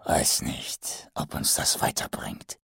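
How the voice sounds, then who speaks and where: A man voicing a male assassin who talks slowly and grumbles in a low, half-whispered mutter. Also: bright, forceful tone, no room sound, studio quality. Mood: grumbling.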